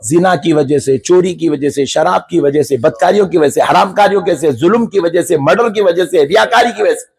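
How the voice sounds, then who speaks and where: This preacher's voice is fairly high, a little fast, husky with vocal fry, and recorded with no echo. Addressing a large gathering with a live crowd, he repeats lists rhythmically and climbs into impassioned crying-out.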